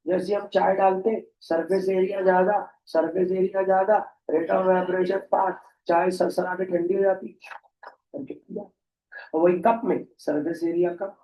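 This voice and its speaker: Joking tutor, echoey room. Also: male voice, high-pitched, recorded from a distance, lo-fi sound. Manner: chatty, jokey teaching with mock dialogues; mixes Hindi and English. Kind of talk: classroom science lesson.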